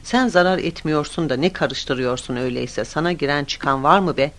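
A man voicing a hot-tempered, bossy male construction boss who talks down to people with impatient, scornful shouting. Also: on the high side, moderate pace, a little hiss or hum. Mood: angry.

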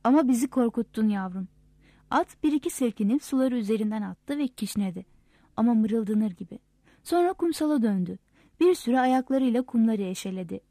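A woman narrating a novel aloud in a steady, measured storytelling manner. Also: a little high, no room sound. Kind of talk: audiobook narration.

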